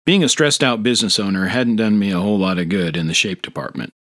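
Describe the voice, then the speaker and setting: Against guitar music, a middle-aged American man narrates his own story for a motovlog in a reflective, scripted way. His voice is lowish and a bit bright, and he speaks fast.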